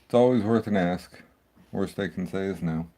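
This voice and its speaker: Tech host, male, deep gravelly voice, rambling and loose. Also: moderate pace, warm tone. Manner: rambling, thinks aloud with restarts. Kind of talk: casual screen-recording walkthrough.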